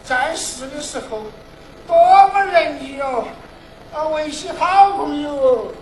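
A timid young mourner, played by a woman, stammers and dodges questions in a Sichuanese accent, her voice high. Recorded on an echoey stage with clear background noise, as in a Sichuan opera scene. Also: measured pace. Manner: stammering, evasive. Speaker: opera actor.

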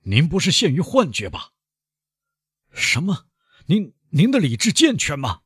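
A stern presiding judge, as a male narrator puts him on, loud and commanding as he demands answers in court. The voice is husky, with wide swings in pitch. It is recorded dry and close, as in an audiobook. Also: wildly swooping pitch, normal speed, dry recording, full character voice. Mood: alarmed.

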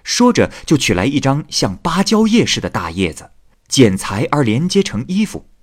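A man's voice: mid-range voice, normal speed. A man narrating a classic tale expressively, voicing each figure himself. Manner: expressive, lively, voices every figure. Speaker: storyteller.

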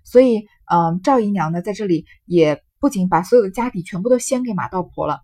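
A woman explaining and retelling a classic Chinese novel in a relaxed, conversational way, with fillers and drawn-out particles. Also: medium pitch.

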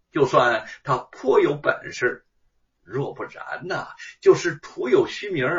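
A male storyteller voicing a haughty, vengeful imperial consort with a shrill, imperious voice. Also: distant mic, dull audio. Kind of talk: traditional storytelling.

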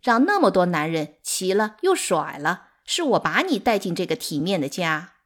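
A woman voicing a spiteful, sharp-tongued concubine who shouts insults in an audiobook. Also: fairly low pitch, big pitch swings, moderate pace. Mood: scornful. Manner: loud, harsh, scornful.

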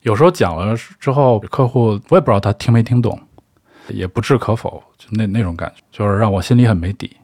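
A man's voice: on the low side, quick pace, darkish tone, slightly rough, dry recording, clean studio sound. A man hosting a podcast, asking curious questions and telling anecdotes in a casual tone. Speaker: podcast host.

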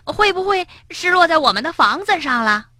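Dreamy little frog for a picture book, read by a woman: raised pitch, wide-eyed and exclaiming, breathy. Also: sing-song, measured pace, bright, forceful tone, dry recording, clean studio sound, exaggerated voice. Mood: wondering. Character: carefree, dreamy young frog, easily impressed.

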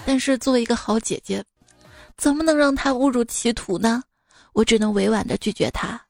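A young woman hosting a show, telling comic family anecdotes in a playful, chatty way over soft music. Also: on the high side, brisk, vocal fry. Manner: playful, chatty, acts out quoted lines. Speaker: podcast host. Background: faint background music.

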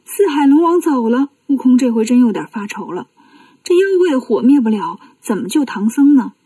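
Woman storyteller for children, expressive, close dry recording. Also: on the high side, moderate pace, slightly rough, no room sound, distant mic.

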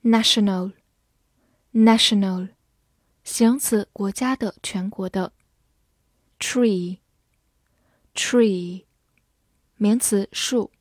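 A woman teacher reading a vocabulary drill, saying each English word twice in a measured, clear manner before reading its meanings. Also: mid-range voice, dry recording, clean studio sound.

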